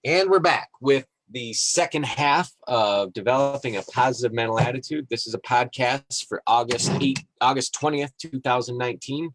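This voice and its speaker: A man hosting a podcast in a relaxed, rambling way, reading passages aloud and chatting about them with fillers and small chuckles. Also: medium pitch, normal speed, few pauses, slight background noise, poor audio. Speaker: podcast host. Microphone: live-streamed podcast mic.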